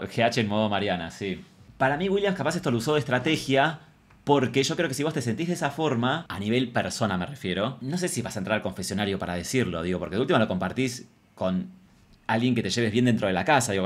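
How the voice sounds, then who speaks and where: A man with an Argentine accent rattles off cheeky gossip about a reality show in a casual commentary. His tone is sassy, and he often drops into low mutters. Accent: Argentine Spanish.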